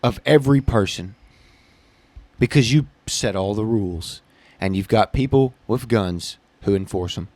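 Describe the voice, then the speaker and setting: A man's voice: lowish voice, unhurried, a little mellow, dry recording. A man co-hosting a casual podcast chat who explains his views in a plain, matter-of-fact way, peppered with "literally" and "like", recorded in a small building. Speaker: podcast co-host.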